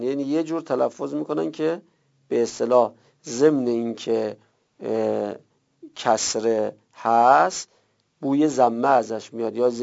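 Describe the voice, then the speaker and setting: A man teaching a grammar class. He reads a text slowly, explains it quickly, and drills word forms in lists. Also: medium pitch, gravelly, darkish tone. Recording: dull lo-fi recording.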